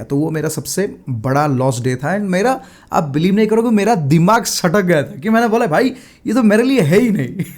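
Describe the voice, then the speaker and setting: High-voiced chatty Hindi-speaking man. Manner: chatty, Hindi-English mix, frequent fillers. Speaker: day trader sharing his mistakes. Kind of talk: casual talk to camera.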